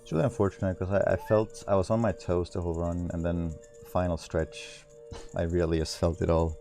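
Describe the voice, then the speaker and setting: A man's voice: low-pitched, little pitch movement, a little fast, vocal fry, warm tone, faint music behind. A man giving casual livestream commentary on his own speedrun, informal and rambling as he thinks aloud.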